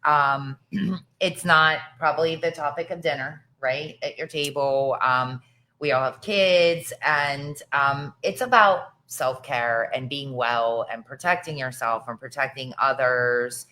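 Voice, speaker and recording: Very low-voiced woman, bright and earnest. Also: poor audio. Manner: earnest, halting, many "um"s. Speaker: podcast host. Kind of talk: podcast discussion.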